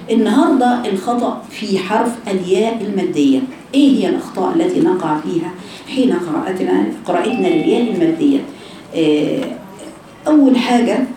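A woman's voice: mid-range voice, warm tone, slight background noise. A woman with an Egyptian Arabic accent teaching Quran recitation to a class of girls, repeating sounds over and over and quizzing her students. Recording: echoey room, voice far from the mic.

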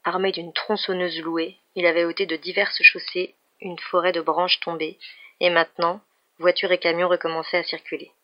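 A woman reading a novel aloud in a steady, even manner, in a dull lo-fi recording. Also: fairly low pitch, normal speed. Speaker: reader.

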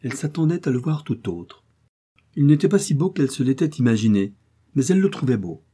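Man, literary narration, mellow tone, husky, expressive, measured. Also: mid-range voice. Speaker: audiobook narrator.

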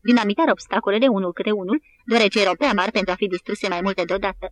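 A woman narrates an audiobook at a steady, even pace in a mid-range voice. A faint hiss sits under her reading. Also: medium pitch. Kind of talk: scripted narration.

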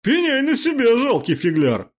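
A pompous, threatening rich young man pitched up high and loud, as a man narrator puts him on, husky at the edges and swinging his voice wildly between sneers and barked demands in an audiobook. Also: wildly swooping pitch, normal speed, heavily acted. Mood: furious threats. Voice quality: pompous, hissing menace. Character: arrogant rich young male game player, threatening.

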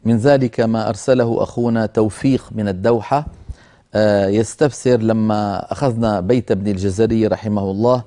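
A male recitation teacher hosting a televised lesson, with a mellow, warm voice. He explains in a measured way and stops to model the recitation slowly. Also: fairly low pitch, fairly even intonation. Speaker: Quran recitation teacher, program host.

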